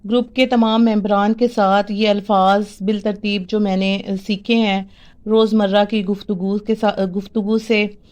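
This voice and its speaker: A woman with a Pakistani Urdu accent giving an informal lesson on correct spelling and pronunciation, pausing often with fillers. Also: medium pitch, little pitch movement, darkish tone. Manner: hesitant, with frequent fillers and restarts. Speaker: teacher sharing word corrections.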